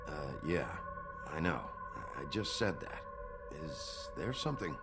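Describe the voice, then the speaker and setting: An actor playing a gruff, bitter, short-tempered sheriff in a video game, with a gravelly, sardonic delivery. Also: male voice, extremely low pitch, big pitch swings, unhurried, over loud music, heavily acted. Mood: dry. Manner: sardonic, confrontational, swearing.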